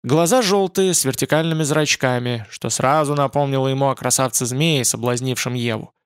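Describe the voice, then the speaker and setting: A man narrating a fantasy audiobook in an expressive, lively reading. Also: medium pitch, brisk, clean tone, no room sound, clean studio sound.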